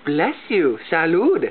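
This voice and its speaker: A man cooing at his baby in slow, lilting baby talk, his pitch leaping high and dropping low. The sound is tinny and phone-like, with a loud hiss of background noise. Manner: sing-song, gasping, drawn-out coaxing. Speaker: father. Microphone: recording phone held by the mother.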